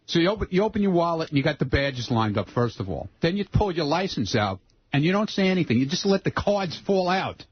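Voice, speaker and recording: A man's voice: on the high side, sing-song, a little fast, husky, dry recording. A man calling in to a talk radio show, explaining a trick step by step. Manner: instructive, step-by-step. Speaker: caller. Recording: dry, muffled radio sound.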